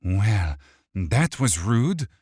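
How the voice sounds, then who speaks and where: A man's voice: on the low side, very animated, drawn-out words, darkish tone, breathy edge, dry recording, clean studio sound, voice pushed up, full character voice. A man voicing a small, wiry male thief who taunts his captive in a mocking, sing-song way and hides a psychotic rage.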